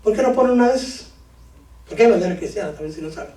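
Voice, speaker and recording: High-voiced preaching man in an echoey hall. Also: rapid-fire. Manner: lively preaching with jokes and shouts, addresses the congregation as brother. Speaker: pastor. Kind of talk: sermon. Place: church hall. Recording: echoey church hall from far off.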